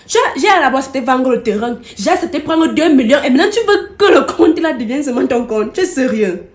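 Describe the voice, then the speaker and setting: A woman playing a fast-talking, insistent wife. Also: sits high, expressive. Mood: protesting. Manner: quick, insistent pleading. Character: doubting wife defending her shared money. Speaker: wife in a comedy web series. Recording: echoey room, mic far off, music.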